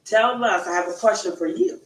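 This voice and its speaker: A man co-hosting a casual chat show, animated and laughing his way through stories, often asking "right?". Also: sits high, fairly quick. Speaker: podcast co-host. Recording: roomy and distant from the mic.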